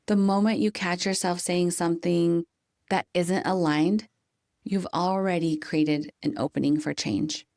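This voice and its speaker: Woman podcast host, lowish voice, calm coaching talk, dry close sound. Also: unhurried, no echo. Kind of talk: scripted motivational monologue.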